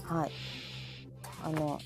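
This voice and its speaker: Stretching out her words in a darkish tone, a Kansai-accented woman hosts a relaxed live chat show. She chats freely and often drops in repeated short responses, all over background music.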